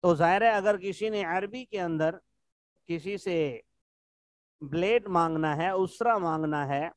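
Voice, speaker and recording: A man's voice: high-pitched, smooth, dry recording. A man teaching an online religious lesson, patiently explaining Arabic words and checking in with his students.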